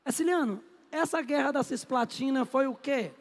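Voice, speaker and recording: A middle-aged history teacher from Northeast Brazil delivers a lively, joking lecture in a very high-pitched voice at normal speed, posing questions and answering them himself. The classroom is echoey, with long reverb.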